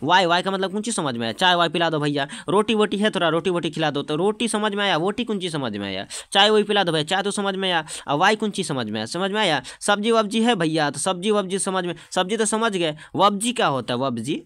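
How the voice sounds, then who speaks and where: High-voiced man teaching. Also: lively intonation, quick pace, few pauses, a bit bright, no echo. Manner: explains by repeating terms and asking the class questions. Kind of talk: exam-prep lesson.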